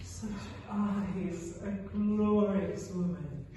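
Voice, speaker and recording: A man reading a stage play from a script as a bitter, idle middle-aged country gentleman, with a sardonic, theatrical delivery. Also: sits high, very slow. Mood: lovestruck. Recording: echoey hall from far off, faint noise.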